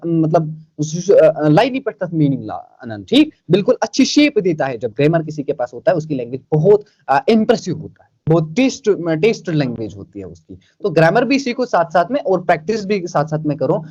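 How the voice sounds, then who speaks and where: A man from Kashmir with a Kashmiri accent, a writer answering interview questions in a casual, lively way, mixing in English words and repeating phrases. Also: on the high side, highs cut off.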